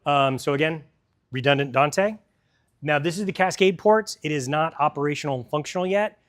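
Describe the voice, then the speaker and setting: A man's voice: a little high, normal speed, a bit bright. A man presenting a product in a store demo, talking casually and explaining technical details to a crowd.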